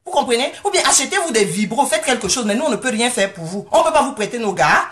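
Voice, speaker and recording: A woman ranting straight to camera from home, scolding and mocking her critics, often pausing to ask if they understand. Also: on the high side, very animated, a bit bright. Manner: confrontational, scolding, keeps asking "you understand?"; mocking and sarcastic. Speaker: vlogger answering critics. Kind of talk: angry rant straight to camera.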